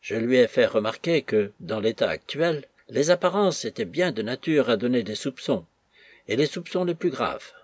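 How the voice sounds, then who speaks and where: A man voicing a smooth, placating aristocrat's envoy who pleads in measured, persuasive tones. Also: mid-range voice, expressive, darkish tone, dry recording, studio quality, lightly acted.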